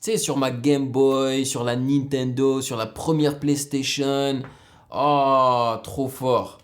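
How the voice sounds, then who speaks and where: A man giving casual, excitable reaction commentary on a music video, explaining the production as he goes. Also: medium pitch, slow. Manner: excitable, bursts into exclamations.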